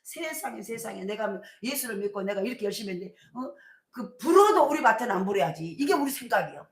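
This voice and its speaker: A middle-aged woman pastor preaching a sermon, telling stories in a colloquial, animated way with emphatic bursts. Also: medium pitch, fast talker. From South Korea. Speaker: senior pastor. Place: church sanctuary. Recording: echoey church sanctuary.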